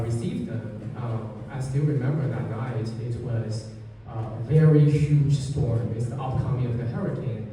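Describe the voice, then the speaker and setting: A man's voice: mid-range voice, dark tone, a little hiss or hum. A man from China, a sculptor on a gallery panel, speaking hesitantly with many fillers. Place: gallery event space. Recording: echoey hall, distant mic.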